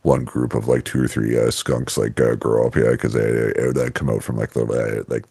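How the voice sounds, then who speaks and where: A man's voice: extremely low pitch, level tone, moderate pace, creaky, warm tone, husky, dry recording. A man co-hosting a podcast, telling stories in a rambling casual way with lots of fillers and restarts. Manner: rambling storyteller, many fillers and restarts, laughs easily. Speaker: podcast co-host. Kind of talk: casual chat.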